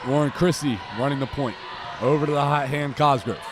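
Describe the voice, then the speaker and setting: A young American man calls live basketball play-by-play in clipped phrases that track the action, his fairly high voice holding a fairly even intonation at a slightly quick pace. He's commentating from a gymnasium, and loud court noise, bouncing balls and gym sounds fill the background.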